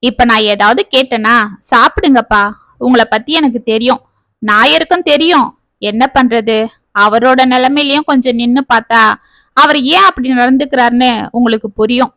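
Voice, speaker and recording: A woman voicing a kindly middle-aged shopkeeper's wife, gently reassuring. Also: a little high, moderate pace, no echo.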